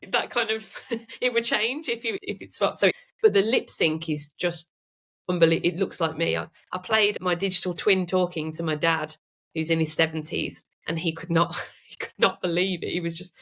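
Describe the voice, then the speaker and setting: Podcast guest: a chatty woman with a lowish voice who laughs a lot. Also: moderate pace. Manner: lively and chatty, laughs often. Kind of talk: casual interview chat.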